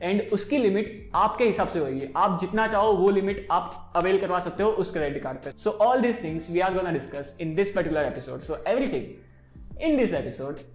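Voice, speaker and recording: This high-voiced young Indian-accented man, in his twenties, talks unhurriedly with lively intonation. As a finance show host he gives viewers an informal, direct explainer that mixes Hindi and English, recorded with roomy echo over faint background music.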